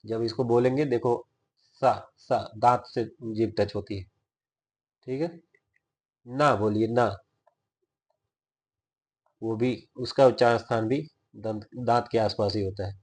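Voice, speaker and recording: A man's voice: medium pitch, steady tone, a little mellow. Man repeating syllables, teaching pronunciation. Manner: demonstrates sounds by repeating syllables slowly; explanatory, checks in with "theek hai". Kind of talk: Hindi grammar lesson.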